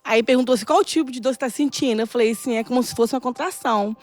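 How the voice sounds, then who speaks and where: A middle-aged woman telling a personal testimony in a casual, animated way and acting out the dialogue. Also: on the high side, racing, no echo, soft background music. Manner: animated, laughing often, acts out dialogue. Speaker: church guest sharing a testimony.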